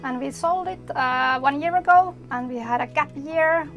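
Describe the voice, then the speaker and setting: A Finnish woman, a native speaker of Finnish, chats casually in English as a guest in an interview. Her voice is high and a bit bright, at a normal speed. The recording sounds muffled, with music playing in the background.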